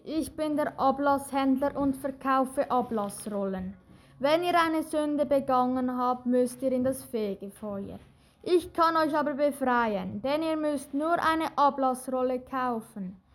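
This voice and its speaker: Woman acting medieval indulgence trader, audio play, high voice, stern, declarative, businesslike. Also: unhurried.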